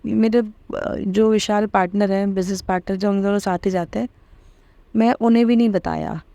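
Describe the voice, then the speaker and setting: Devout woman sharing, warm mellow voice. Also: mid-range voice, fairly even intonation, moderate pace, dry recording, dull audio. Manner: emotional, repeating words of thanks softly. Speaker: devotional satsang host. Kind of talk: devotional testimony talk.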